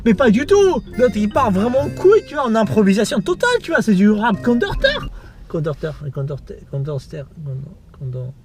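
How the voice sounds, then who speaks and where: A man's voice: very high voice, big pitch swings, fast talker, few pauses, music in the background. A man talking casually and drunkenly, rambling through a film recap in repetitive, sweary slang and losing his thread. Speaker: video host.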